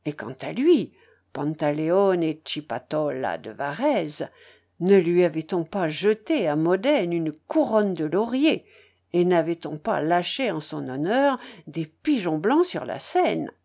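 A woman reading a classic novel aloud as narrator, with expressive, dramatic storytelling. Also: fairly low pitch, slow, gravelly. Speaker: audiobook narrator.

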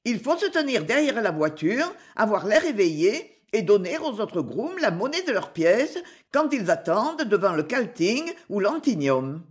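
A woman's voice: mid-range voice, sing-song, moderate pace, close to an everyday voice. A prim shopkeeping lady, read by a woman, talking with stiff dignity and a voice that rises and falls a lot from an audiobook. she rambles on with her complaints in long, winding sentences. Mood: aggrieved. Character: prim middle-aged woman running a London shop.

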